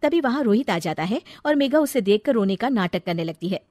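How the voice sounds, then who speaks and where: Narrator: woman, higher voice, steady storybook telling, dry close recording. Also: a little fast, dry recording.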